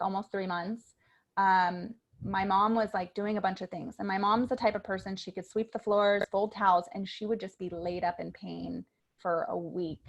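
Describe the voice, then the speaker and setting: A woman in her thirties, a registered nurse, telling an earnest, animated personal testimonial on a group call. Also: mid-range voice.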